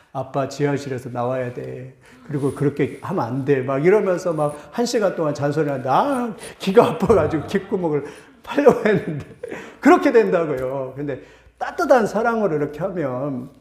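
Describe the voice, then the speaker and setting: A middle-aged male pastor preaching a sermon, with sudden rising bursts, slowing down for scripture. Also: a little high, gravelly, a little mellow, echoey room.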